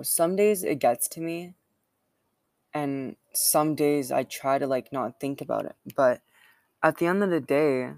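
A woman's voice: low-pitched, darkish tone, no echo. Rambling young woman, dry outdoor sound. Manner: rambling, with constant "like" and "um" fillers. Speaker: podcast host. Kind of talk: casual personal chat. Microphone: built-in computer microphone.

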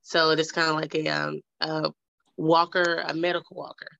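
A woman's voice: low voice, little pitch movement, moderate pace, vocal fry, bright, forceful tone, clean tone, dry recording, lo-fi sound. A woman in her thirties, chatting on a video call as a mother telling her story, rambling with many fillers and restarts. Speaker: guest, mother. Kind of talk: casual video call chat.

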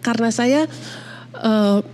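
A woman in her fifties from Indonesia, a pastor giving a personal testimony sermon, halting and emotional, with many fillers and restarts. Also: a little high, darkish tone, a little hiss or hum. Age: 50s.

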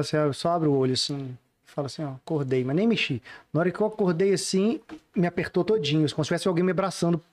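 A man's voice: a little high, darkish tone. A man co-hosting a podcast, telling a personal story in casual chat and repeating phrases for emphasis. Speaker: podcast co-host. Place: podcast studio.

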